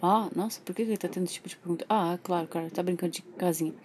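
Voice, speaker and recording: Woman putting on a soft low dad voice, calm and patient, giving advice. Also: racing, a little hiss or hum, lightly acted. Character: calm patient middle-aged father.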